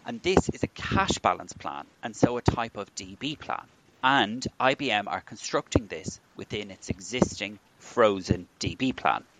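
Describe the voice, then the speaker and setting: Lower-voiced guy reading pension news, steady and formal. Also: moderate pace, poor audio. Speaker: podcast co-host. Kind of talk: scripted pension news summary.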